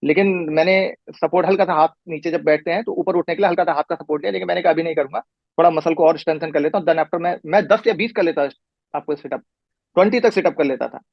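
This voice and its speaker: A man's voice: on the high side, fast talker, gravelly, no room sound. A middle-aged man talking as a patient in a casual conversation, giving a long, detailed account with frequent restarts. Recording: muffled lo-fi recording.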